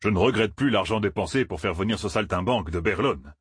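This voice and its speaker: A man's voice: fairly low pitch, quick pace, husky, no echo, studio quality. A man voicing a portly, pompous village mayor with a disapproving tone.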